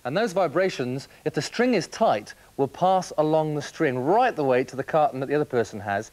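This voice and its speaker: A young man presenting a children's TV programme, explaining things to young viewers in a jokey, lively way. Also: on the high side, fairly quick.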